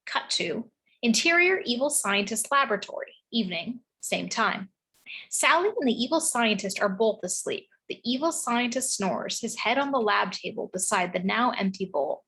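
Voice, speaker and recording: Husky woman narrating a script. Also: on the high side, animated, normal speed, pushed and bright, poor audio. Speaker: narrator reading stage directions.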